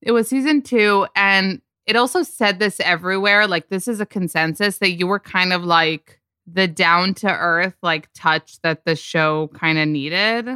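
Chatty woman podcast host, bright dry voice. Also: lowish voice, measured pace, clear, resonant tone, no room sound. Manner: chatty, lots of "like" fillers. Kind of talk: casual celebrity gossip chat.

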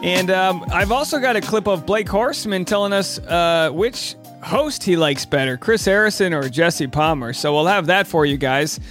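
A man's voice: high voice, lively intonation, moderate pace, hardly any pauses, over music. A man hosting a podcast, giving casual, chatty entertainment commentary in an informal way. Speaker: podcast host and stand-up comic.

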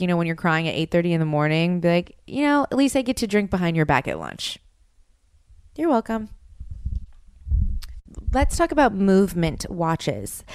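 Young woman, podcast host. Clean, lowish voice, slangy and blunt, casual solo chat. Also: darkish tone, clean tone, no echo, studio quality.

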